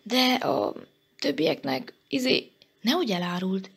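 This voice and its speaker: A woman's voice: mid-range voice, very animated, breathy edge. A woman doing a touchy little bat. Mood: peevish. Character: curious, touchy bat chick.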